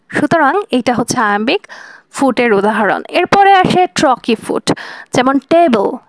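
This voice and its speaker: A woman teaching a lesson, patiently explaining step by step and slowing down to sound out examples. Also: sits high, no room sound. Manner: patient, repeating and spelling out examples slowly.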